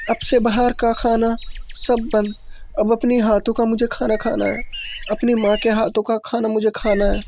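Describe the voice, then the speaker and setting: A man's voice: very high-pitched, a little mellow, a little hiss or hum, pitched above the performer's own voice. A man voicing a young girl in a cartoon story, pleading and apologetic like a child. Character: young daughter Kavita, remorseful girl.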